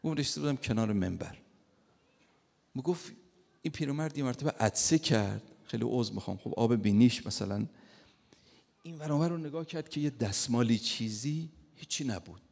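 A man preaching a sermon as a story, acting out quoted lines with sudden loud bursts. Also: medium pitch, animated, creaky, in a large hall.

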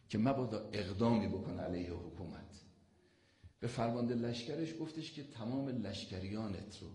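A man preaching a religious sermon, telling stories with loud emphatic lines and soft, intimate ones. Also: lowish voice.

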